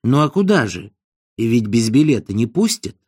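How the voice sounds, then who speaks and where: A man's voice: medium pitch, sing-song, moderate pace, darkish tone, husky. A man reading an audiobook, voicing a timid, stingy older provincial man who grumbles hesitantly. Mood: grumbling.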